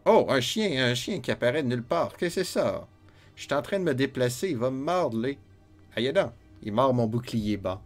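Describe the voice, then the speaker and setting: A man's voice: mid-range voice, expressive, moderate pace, soft background music. Joking man with a Quebec French accent. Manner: joking, chatty, talks to himself while playing. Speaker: gamer. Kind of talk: let's play commentary.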